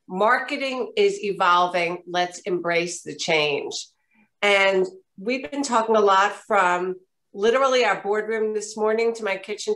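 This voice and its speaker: A woman's voice: mid-range voice, low-quality recording. A woman hosting a video-call webinar, closing it out with lavish, repeated thanks and praise for the presenters. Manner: effusive, repeats herself, warm praise. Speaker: event host thanking presenters. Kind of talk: casual webinar wrap-up.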